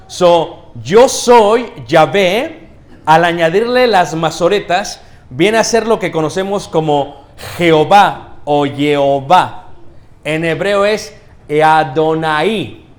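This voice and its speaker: A man preaching a teaching sermon in a church. He asks the congregation questions, adds "ok?" often, and stresses key words slowly. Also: fairly high pitch. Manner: checks in with the congregation, asking questions and saying "¿ok?".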